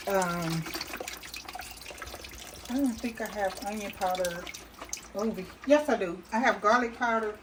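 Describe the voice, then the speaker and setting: A woman talks her viewers through cooking in a relaxed, homey way, pausing on ums and restarting her sentences as she works. Her voice sits at an ordinary middle pitch. Clanking pots and running water are clearly heard in the kitchen around her. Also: background noise. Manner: talks to viewers while stirring and adding ingredients. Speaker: cooking channel host. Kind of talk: casual cooking demonstration.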